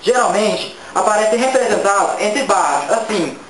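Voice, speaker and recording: A student presenter reading a prepared grammar presentation aloud in a steady manner. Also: medium pitch, normal speed. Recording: echoey room with clear background noise.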